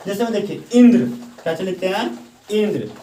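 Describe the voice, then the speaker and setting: A male Hindi grammar teacher gives a class lecture, often asking questions and answering them himself, and slowly repeating points for dictation. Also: high-pitched, mellow, slight background noise. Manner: slow, drawn-out dictation at times. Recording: echoey room, voice from the mic's far side.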